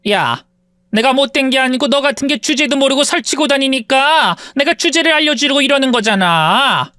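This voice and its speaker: A woman's voice: lively intonation, normal speed, no room sound. A woman voicing an arrogant, spiteful rich middle-aged woman who bullies and insults in an audio story, in a dry close recording. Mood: sneering. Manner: sneering, insulting, shrill when shouting.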